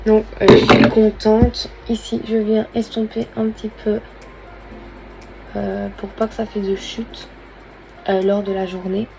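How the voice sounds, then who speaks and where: A woman's voice: mid-range voice, little pitch movement, a little slow, gravelly, mellow, soft background music, low-quality recording. Chatty young woman doing makeup. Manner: chatty, informal, thinking aloud while she works. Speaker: beauty vlogger. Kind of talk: casual makeup tutorial chat.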